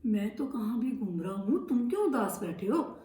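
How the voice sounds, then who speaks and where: A woman's voice: fairly high pitch, sing-song, moderate pace, dark tone, echoey room, recorded from a distance. A woman doing a cheeky greedy monkey. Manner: sing-song, demanding, mischievous.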